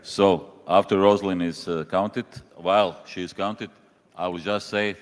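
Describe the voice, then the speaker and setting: A slow, deep-voiced man, the congress official in charge of the roll call, reads out country names one after another with fairly even intonation. The meeting takes place in a large conference hall, and the recording has a long hall reverb.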